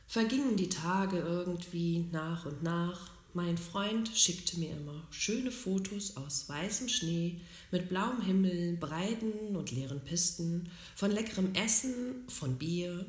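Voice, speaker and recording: A woman calmly and earnestly telling her own life story in a reflective way. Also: lowish voice. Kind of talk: personal storytelling. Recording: roomy, echoey recording.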